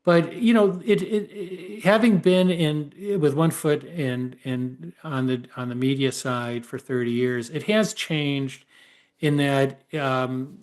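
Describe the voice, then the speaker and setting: A man who is a professor and author, answering interview questions with halting restarts that build into a lecture. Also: medium pitch, a little mellow.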